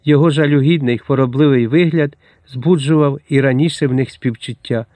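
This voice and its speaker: A man narrating an audiobook with steady, expressive reading. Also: medium pitch, fairly quick, dry recording. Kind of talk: scripted narration.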